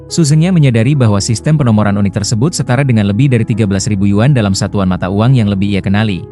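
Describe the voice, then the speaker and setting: A man narrates a story recap quickly, in a low, mellow voice with a steady, flowing delivery. Soft music plays faintly behind the voice-over.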